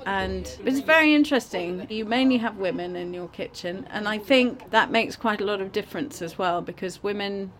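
A woman's voice: medium pitch, moderate pace, few pauses, a bit bright, soft background music. A woman who is a head chef, talking enthusiastically about her kitchen and its food in a casual conversation.

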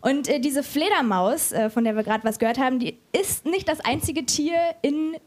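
A woman hosts a live book talk in a chatty, playful way, filling her pauses with little ums and ahs. Her voice sits high, and her easy, teasing tone keeps the conversation moving. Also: expressive. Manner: chatty and playful, with frequent fillers. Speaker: podcast host. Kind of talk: live casual interview with an audience.

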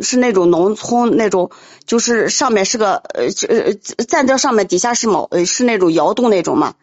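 A woman calling an advice show, telling her troubles in a halting, distressed way with many repeats. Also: a little high, muffled recording. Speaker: caller.

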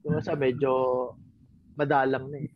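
A man's voice: mid-range voice, little pitch movement, normal speed, slightly rough. A young man chatting casually on a podcast, rambling with fillers. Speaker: podcast co-host. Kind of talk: casual chat. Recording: dry muffled lo-fi audio.

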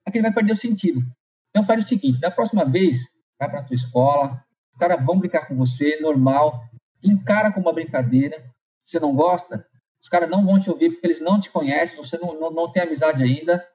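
Middle-aged paulista man, high voice, motivational speaker, casual repetitive delivery, lo-fi recording. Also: fast talker. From São Paulo, Brazil. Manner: conversational, repeats phrases and tags with "né". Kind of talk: motivational talk with personal anecdote. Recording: slightly dull lo-fi recording.

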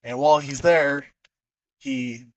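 A man's voice: on the high side, lively intonation, slow, vocal fry, muffled recording. A man hosting a podcast in casual chat, rambling with many fillers and acting out movie quotes. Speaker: podcast host.

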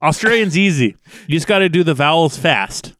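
A man's voice: fairly high pitch, animated, a little fast, fairly bright tone, dry recording. A man co-hosting a casual book discussion, joking and swearing freely while drinking beer. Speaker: podcast co-host.

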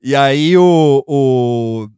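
A man's voice: mid-range voice, extremely slow, dark tone, clean tone, no room sound, studio quality. A man telling a story in a casual chat, rambling with many fillers and frequent laughs.

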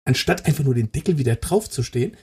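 A man's voice: mid-range voice, fast, background noise. A middle-aged man in casual conversation, telling anecdotes in blunt colloquial language and acting out the quotes. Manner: animated storyteller, blunt and colloquial, acts out quotes. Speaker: co-host of a football talk show.

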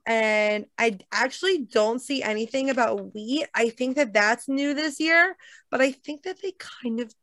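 A young woman with a fairly high voice chats casually as a co-host, animated and quick to correct herself. The sound is dry and close to the mic. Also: dry recording. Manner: chatty, animated, self-correcting. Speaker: podcast co-host. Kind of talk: casual chat.

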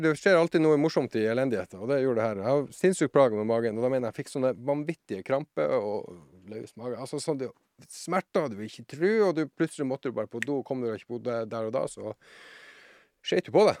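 A man telling a funny story as a podcast guest, acting out voices and shouting some lines. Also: mid-range voice, no echo, clean studio sound. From southern Norway. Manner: animated anecdote-teller, acts out voices and shouts. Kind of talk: casual storytelling.

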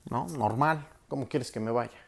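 A man voicing a gruff, irritable husband who talks curtly and dismissively. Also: medium pitch, moderate pace.

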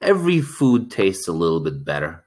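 A man with a deep, low voice co-hosts a casual podcast, chatting and telling stories with enthusiasm. His voice is still a little worn from yelling at a match days ago. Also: huge pitch swings, normal speed. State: recovering a lost voice. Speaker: podcast co-host. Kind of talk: casual chat.

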